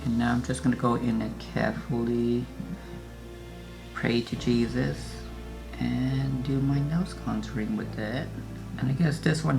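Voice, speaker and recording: A man chats casually through a makeup routine like a beauty vlogger. His voice is noticeably creaky, with plenty of fry. Music is clearly audible behind him. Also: medium pitch. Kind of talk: casual makeup tutorial chat.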